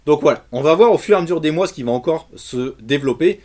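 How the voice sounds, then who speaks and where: A man's voice: fairly high pitch, animated, fast talker, a little mellow. A man reviewing comics in a casual, colloquial and emphatic way, talking straight to his viewers as the channel's host. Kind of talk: casual enthusiastic video review.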